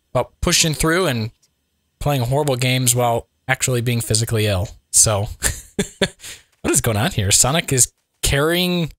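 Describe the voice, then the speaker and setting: A man hosting a casual gameplay commentary while sick, his voice still not fully recovered, reacting excitably with frequent exclamations. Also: medium pitch, no echo, clean studio sound. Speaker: let's play host.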